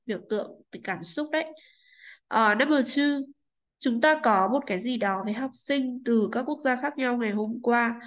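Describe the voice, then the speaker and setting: A woman's voice: on the high side, rough recording. A woman English teacher explaining a textbook lesson, politely checking understanding with frequent tag questions.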